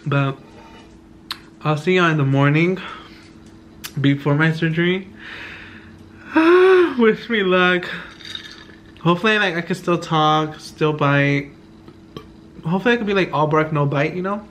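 A man's voice: on the high side, lively intonation, a little slow, pauses often, fairly bright tone. A young man talking casually and playfully to a vlog camera, full of slang and campy asides. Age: young adult. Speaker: vlogger. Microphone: camera at arm's length or on counter. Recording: faint room and car noise.

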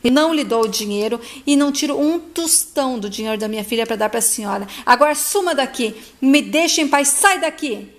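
A single mother stands her ground, firm and defiant, voiced by a woman retelling a soap opera. Her voice is high plain. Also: animated, brisk, few pauses.

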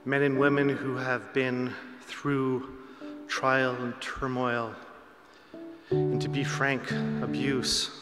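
A man prays steadily at a pulpit microphone, keeping his voice level and even. His words ring through a roomy chapel with a long reverb tail, while guitar plays clearly underneath. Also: medium pitch. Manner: measured, solemn. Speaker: prayer leader. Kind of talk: spoken congregational prayer. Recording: echoey chapel hall with loud guitar.

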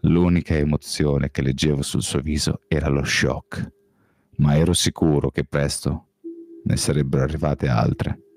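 A man reading a novel aloud as an audiobook, in first-person narration with a measured, calm delivery. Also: a bass voice, vocal fry, no echo. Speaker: audiobook reader.

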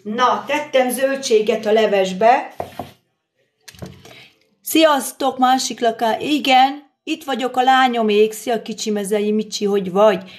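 A middle-aged woman chatting on a live stream while cooking in her daughter's kitchen, answering and thanking viewers as she works. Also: a little high. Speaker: livestream host. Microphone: phone camera.

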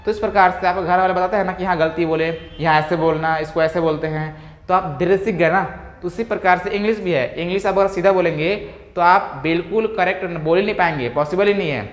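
A man teaching a spoken English lesson to students. He slowly drills model sentences and repeats each one for practice, and he encourages the learners directly. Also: high voice. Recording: echoey room with faint ambient noise.

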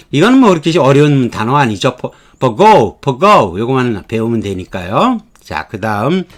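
A middle-aged man teaching English vocabulary, repeating words aloud and mixing English terms into his explanations. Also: medium pitch. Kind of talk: vocabulary lecture.

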